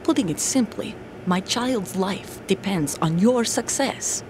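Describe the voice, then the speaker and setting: A woman with a mid-range, animated voice speaks slowly as a hardened undercover soldier in a video game cutscene. Her lines are clipped, commanding and urgent, with music under them and background noise.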